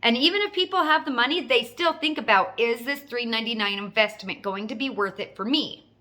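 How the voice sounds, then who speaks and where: Fairly high-pitched and fairly quick, this woman's bright, forceful voice leads a casual sales training session. As a network marketing coach, she teaches emphatically and repeats important phrases for stress.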